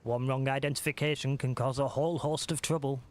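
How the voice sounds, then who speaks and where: A man reading the lines of a cheerful village forager woman from a cozy game, in a brisk, folksy tone. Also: medium pitch, steady tone, soft background music, lightly acted. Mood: chirpy.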